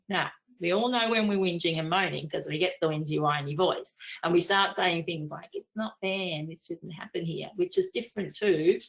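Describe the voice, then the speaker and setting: Older Australian woman giving measured management advice. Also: on the low side, rough recording. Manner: practical, measured, advisory. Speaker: leadership trainer. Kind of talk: training presentation.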